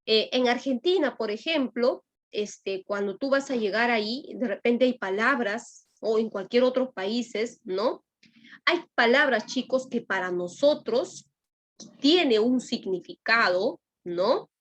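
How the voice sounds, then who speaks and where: A fairly high-voiced woman from Lima teaches a class at an unhurried pace. Her Peruvian accent is clear. She keeps turning to her students with little check-ins as she explains. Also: expressive, a bit bright. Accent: Lima Peruvian Spanish. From Peru. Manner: addresses students directly, with frequent "¿no?" and "¿ya?" checks.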